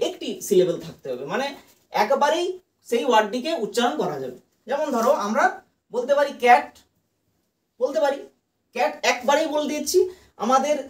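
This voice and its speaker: A woman teaching an English lesson, patiently spelling words out letter by letter and answering her own questions. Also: on the high side. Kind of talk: explaining a lesson to students. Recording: echoey room from far off.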